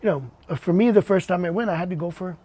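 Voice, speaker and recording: A man hosting a podcast interview, chatting in a relaxed way, often repeating words and calling his guest "man". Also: high voice, fast talker. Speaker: podcast host. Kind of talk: casual interview chat.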